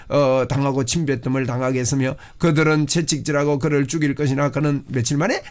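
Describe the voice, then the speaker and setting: A man preaching a sermon as a pastor, fervent, often rising into loud cries of prayer. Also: on the high side.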